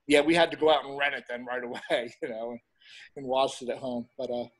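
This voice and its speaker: A middle-aged man chatting casually as an interview guest, rambling a little and pausing as he goes. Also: mid-range voice, steady tone, fairly bright tone, rough recording. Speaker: interview guest, horror host and film reviewer.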